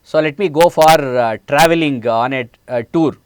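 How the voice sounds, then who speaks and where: A man's voice: on the high side, normal speed, smooth, dry recording. Indian man lecturing with many fillers. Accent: Indian English. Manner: many hesitant "uh" fillers, explains step by step. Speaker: programming lecturer. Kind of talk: classroom lecture. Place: studio set, indoors.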